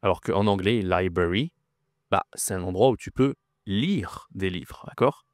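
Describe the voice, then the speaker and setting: A man's voice: deep voice, unhurried, dry recording, studio quality. A man teaching French vocabulary. He is patient, repeats each word and often checks that the listener follows. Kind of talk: slow, clear vocabulary lesson.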